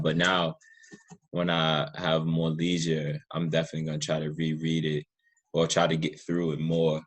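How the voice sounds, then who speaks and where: A podcast host interviews a guest in a casual, earnest, informal way, often repeating himself. His voice is deep, with a breathy edge.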